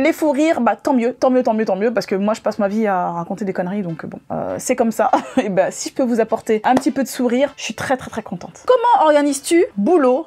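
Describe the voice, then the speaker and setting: Woman, Parisian French accent, high-pitched, chatty and joking vlog Q&A delivery. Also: darkish tone. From Guadeloupe, raised in France. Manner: chatty and joking, reads viewer questions aloud then answers. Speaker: YouTuber answering viewer questions. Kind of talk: casual vlog Q&A.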